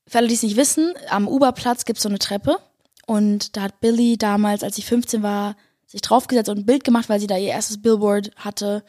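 A young woman, a singer and vlogger, excitedly telling her viewers a story, gushing and breathless, mixing English slang into her German. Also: a little high, dry recording, studio quality.

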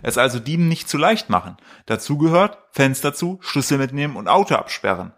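A man's voice: medium pitch, very animated, fairly quick, fairly bright tone. A man co-hosting a casual podcast with his wife, telling stories in a rambling way and reading out news with jokes. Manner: rambling storyteller, reads news aloud with jokes. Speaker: podcast co-host. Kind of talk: casual chat.

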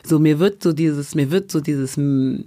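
A woman talking as a guest on a podcast, emphatic and animated, acting out the exchanges she retells. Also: sits low, unhurried, no room sound, clean studio sound. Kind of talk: casual podcast conversation.

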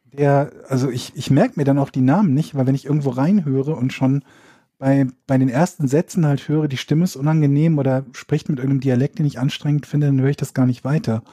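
A man's voice: mid-range voice, fairly even intonation, brisk, dark tone, no echo, studio quality. A man co-hosting a podcast in casual chat, opinionated, sometimes stumbling over words. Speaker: podcast co-host.

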